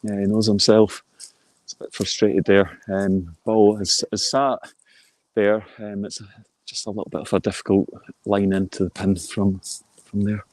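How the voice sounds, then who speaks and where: A man working as a golf commentator, with a slightly deep voice. He talks through shots in a measured, informal way and adds short reactions. The sound is dry, with very little room on it. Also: little pitch movement, a little mellow, no echo.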